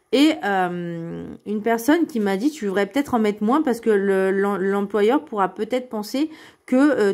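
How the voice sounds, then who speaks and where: Une femme d'âge moyen qui fait une guidance de cartes spirituelle, parlant directement à son public sur un ton sérieux et rassurant, avec beaucoup d'hésitations. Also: female voice, medium pitch, a little mellow. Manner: earnest and reassuring, addresses viewers directly, many hesitations. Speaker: card reader giving a weekly guidance. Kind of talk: spiritual card reading, casual monologue.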